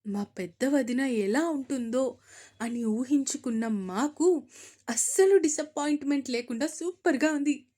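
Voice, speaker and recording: A woman's voice: sits high, a little slow, warm tone. A woman doing a bossy, spoiled young sister. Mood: showy. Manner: showy and bossy.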